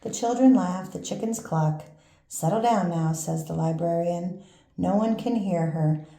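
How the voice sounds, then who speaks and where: An older woman reads a children's storybook in a grandma voice. Her tone is very mellow and dark, with a gravelly creak. She takes her time with expressive pauses and small asides, recorded in an echoey room. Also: lowish voice. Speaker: grandmother reading picture books to a baby. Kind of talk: read-aloud children's storytelling. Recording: roomy echo, faint background noise.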